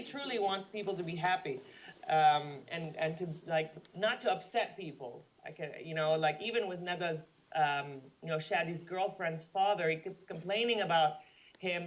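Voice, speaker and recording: A woman filmmaker answering an audience question, hesitant and searching for words, tired from the late hour. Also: on the low side. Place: screening hall.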